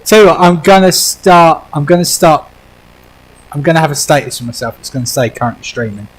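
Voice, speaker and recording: A man's voice: on the high side, a little fast, breathy edge, poor audio. Teasing British man hosting a stream. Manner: teasing, swearing, laughing often. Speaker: streamer host. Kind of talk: casual gaming chat.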